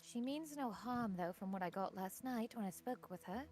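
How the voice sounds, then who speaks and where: A woman's voice: medium pitch, lively intonation, moderate pace, darkish tone, soft background music, natural voice. A woman voicing a genteel adventurer with a prim, politely formal way of talking, during in-character tabletop role-play. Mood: reassuring.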